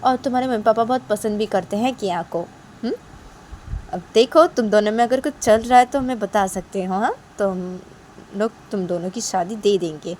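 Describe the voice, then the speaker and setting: A woman's voice: mid-range voice, moderate pace, a little mellow, slight background noise, close to an everyday voice. Woman as a suspicious prying mother. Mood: probing. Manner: questioning, nagging with tag questions. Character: middle-aged mother, suspicious, probing.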